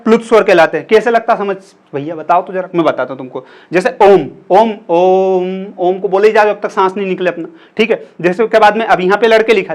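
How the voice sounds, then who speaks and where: A young man with a high voice gives a relaxed classroom-style lesson on grammar. He talks chattily and keeps asking his students questions as he explains. Now and then he draws out a vowel to show how it sounds. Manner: stretches vowels to demonstrate sounds. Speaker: Hindi grammar teacher. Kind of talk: casual classroom lecture.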